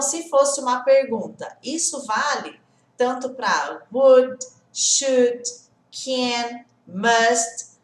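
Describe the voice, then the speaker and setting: Lively woman teaching English in an echoey room. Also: a little high. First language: Portuguese. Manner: lively, often checks in with "tá?" and "né?"; greets viewers by name. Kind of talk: live-stream lesson.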